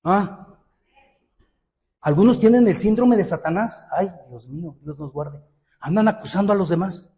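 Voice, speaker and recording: A man preaching a sermon as pastor, with a Mexican Spanish accent, joking and lively, moving between loud exhortation and low asides. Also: moderate pace, pauses often, big-room sound. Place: church hall.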